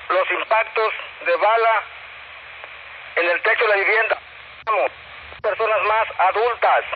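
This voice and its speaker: Guy cop on a police radio, slow halting report, repeats himself, muffled sound. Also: sits high. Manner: halting dictation, repeating phrases. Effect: voice over two-way radio. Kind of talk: radio incident report, dictating details. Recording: dull, noisy two-way radio transmission.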